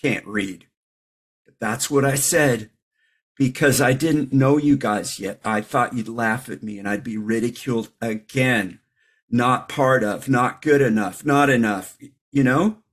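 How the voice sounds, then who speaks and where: Husky middle-aged man sharing his recovery story. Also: mid-range voice, measured pace. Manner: candid, reflective, self-deprecating humor. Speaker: recovery meeting speaker. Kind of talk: personal recovery share.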